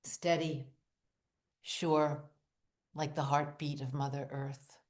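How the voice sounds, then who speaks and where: In a low, hushed voice, a woman guides a meditation very slowly, offering brief, deliberate phrases separated by long pauses. Her tone is soothing and incantatory in its repetition, and her pitch barely moves as she narrates a guided visualization.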